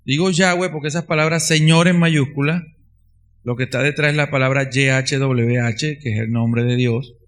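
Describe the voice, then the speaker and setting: A man's voice: medium pitch, steady tone, normal speed. A man preaching a sermon, earnest and emphatic, repeating key phrases for stress.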